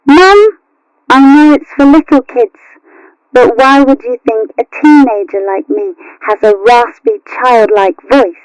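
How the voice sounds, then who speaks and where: A woman voicing a sweet, wistful teenage girl kitten in a cartoon, with a raspy, childlike voice. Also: sits high, lively intonation, measured pace, no echo, lo-fi sound. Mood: pleading, wistful. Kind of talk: cartoon character acting.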